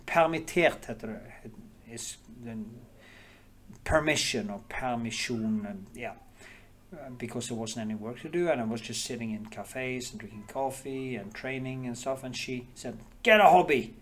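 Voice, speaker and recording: A man's voice: medium pitch, a little hiss or hum. Middle-aged male painter, Norwegian accent, casual rambling teaching chat with frequent restarts. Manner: rambling, candid, many restarts and trailing phrases. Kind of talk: casual reflective talk while painting.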